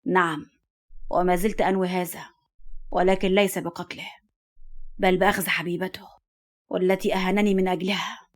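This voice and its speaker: A vengeful gang member speaks low, formal and spiteful, as a woman narrator puts him on. His words come slow and cold. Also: flat delivery, natural voice.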